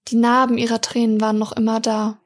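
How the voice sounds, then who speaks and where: A woman reads a fantasy story aloud in a fairly high, breathy voice. Her delivery is calm and even, keeping a flat, steady melody from line to line. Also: quick pace. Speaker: audiobook reader.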